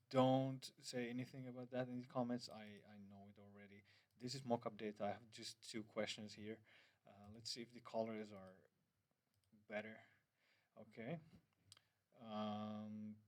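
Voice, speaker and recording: A hesitant male app developer, Finnish by first language, walks through a screen-recorded app demo in a fairly low voice. The recording is dry, and his speech is full of fillers, restarts, and loose wording.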